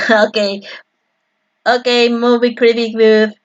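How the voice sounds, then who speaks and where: A woman's voice: a little high, level tone, slow, muffled recording. A woman from Peru with a Peruvian Spanish accent, a native Spanish speaker, chatting casually and rambling as she thanks viewers during a live stream of her painting in her home studio.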